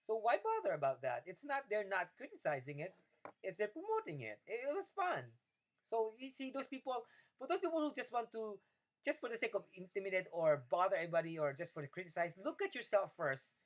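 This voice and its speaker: A man's voice: very animated, fast, low-quality recording. A man from the Philippines, speaking English as a second language, recounting his day in a rambling video diary with many fillers and restarts. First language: Tagalog. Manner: rambling, many fillers and restarts, rises in pitch when opinionated. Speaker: video diarist. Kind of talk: casual personal video diary.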